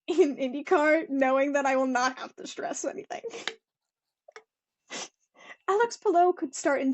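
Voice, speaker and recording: A young woman with a high, light voice chats casually as a podcast co-host. She laughs a lot and reads bits aloud as she goes. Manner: chatty, laughs often, reads quotes aloud. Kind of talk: casual chat about motor racing.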